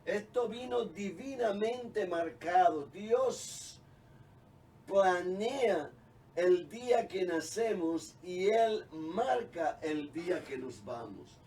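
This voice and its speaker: A man's voice: high-pitched, animated, darkish tone, far from the mic. A middle-aged man preaching a sermon as pastor, fervent, drawing out the ends of his phrases and calling his listeners "beloved". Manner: fervent preaching, drawn-out phrase endings, calls listeners "amado".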